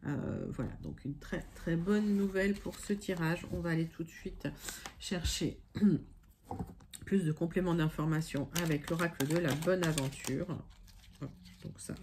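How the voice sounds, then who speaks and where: A tarot card reader gives a casual online reading, talking straight to her viewers as friends and reassuring them, with frequent fillers and self-corrections. She speaks at a measured pace in a lowish voice with a darkish tone. A little hiss or hum is audible.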